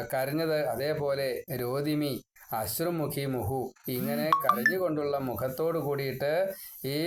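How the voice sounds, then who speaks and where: A man giving a devotional scripture discourse. He recites verse lines slowly and then explains each word, often repeating it. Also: mid-range voice. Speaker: scripture teacher.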